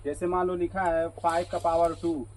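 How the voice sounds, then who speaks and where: A man with a high-pitched voice leads a classroom math lesson. He asks the students question after question and repeats what they answer back. Light background noise is present. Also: level tone, moderate pace. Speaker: teacher. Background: students answering in chorus.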